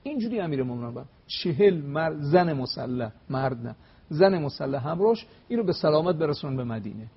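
A husky-voiced man speaks as a scholar guest, recounting religious history with emphatic peaks. He slows deliberately whenever he recites Arabic. The sound is slightly dull, like muffled broadcast audio. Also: on the high side, expressive. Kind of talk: storytelling lecture on religious history.

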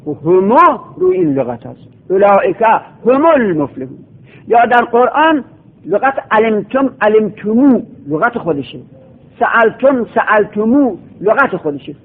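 High-voiced man lecturing over tinny audio. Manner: explains by repeating word forms in drilled lists. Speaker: teacher of Quranic recitation and Arabic grammar. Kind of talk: classroom lecture.

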